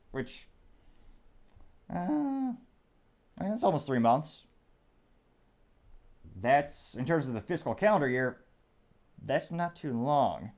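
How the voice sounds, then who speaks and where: A man's voice: fairly high pitch, darkish tone. A male host delivers casual political commentary. He talks in a chatty, meandering way and often thinks aloud. He drops dry, sarcastic asides along the way. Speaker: show host.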